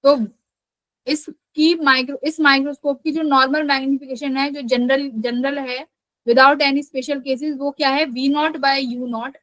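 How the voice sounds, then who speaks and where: A woman's voice: high voice, level tone, measured pace, fairly bright tone, no room sound, poor audio. A young adult woman teaching physics in a live online class, explaining patiently and often checking that the students follow.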